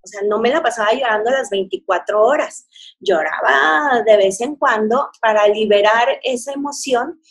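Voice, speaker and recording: A middle-aged woman with a Mexican Spanish accent, a divorced mother speaking earnestly and warmly about her emotions, with fillers and restarts. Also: fairly high pitch, moderate pace, husky. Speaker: divorced mother sharing advice. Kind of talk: motivational talk.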